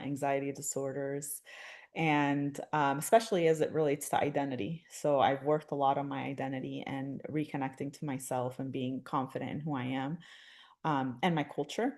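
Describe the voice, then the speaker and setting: With a low, darkish voice, this young woman from Syria speaks casually and reflectively as an interview guest, often restarting and using fillers. She is a therapist and is there as a dance instructor.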